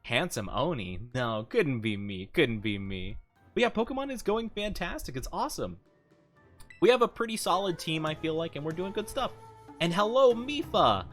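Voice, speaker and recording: A man livestreams a game in a casual, chatty way. His pitch moves in lively swings and he giggles easily. Music plays behind his upbeat commentary. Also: moderate pace.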